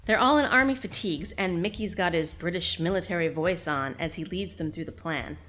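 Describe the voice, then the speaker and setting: Woman reading a TV recap, low voice. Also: a little fast, fairly bright tone. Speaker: podcast host reading her episode recap. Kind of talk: scripted reading.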